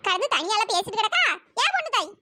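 A woman voicing a gossiping old neighbour woman in a cartoon, with teasing, nosy chatter and a pitch-raised voice. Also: sing-song, fast. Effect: pitch-raised voice editing. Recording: noisy cartoon voice track.

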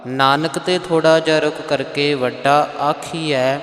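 Slow chanting Punjabi man in echoey hall. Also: fairly high pitch, steady tone, fairly bright tone. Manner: chants verses slowly, then explains pronunciation plainly. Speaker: Sikh scripture recitation teacher. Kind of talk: slow scripture pronunciation lesson with chanted lines.

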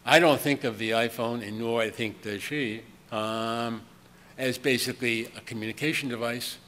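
A man's voice: medium pitch, fairly even intonation, moderate pace, pushed and bright. An older man giving a conversational conference keynote from a podium in a large hall, with chuckling asides and frequent ums. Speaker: keynote speaker. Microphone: podium microphone. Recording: long hall reverb, faint room noise.

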